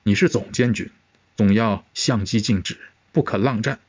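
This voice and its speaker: A man reading a comic-book story voices a stern, anxious emperor who speaks low, slow and gravely. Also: no room sound. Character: stern, anxious male emperor, middle-aged. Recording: dull, muffled sound.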